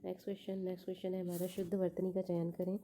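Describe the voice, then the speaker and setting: A woman's voice: fairly low pitch, completely flat delivery, racing, dark tone. A woman teaching exam prep, going through test answers one by one, repeating each answer and thinking aloud with fillers.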